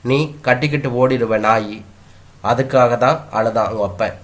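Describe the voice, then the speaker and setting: A man voicing a blunt, mocking old village grandmother in a read-aloud story, using his own mid-pitched voice. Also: unhurried, a bit bright, close to an everyday voice.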